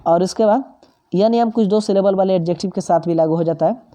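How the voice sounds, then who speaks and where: A woman's voice: mid-range voice, fast talker, warm tone. A woman teaching grammar in a patient, step-by-step way, repeating example words. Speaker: English teacher. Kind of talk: grammar lesson explanation.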